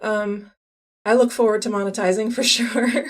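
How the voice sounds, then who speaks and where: A woman's voice: medium pitch, steady tone, normal speed. A woman in her forties chatting casually with viewers on a live stream, laughing often and restarting her sentences. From California. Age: 40s. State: a little out of breath.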